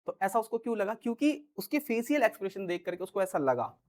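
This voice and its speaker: A male teacher explains grammar in a relaxed, conversational lesson, talking as if straight to his students. He repeats little check-ins as he goes and performs his example sentences in shifting tones to show how delivery changes meaning. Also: high voice, fast. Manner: chatty, repeats "ठीक है", acts out example lines in different tones. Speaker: English teacher. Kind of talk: casual Hindi grammar lesson.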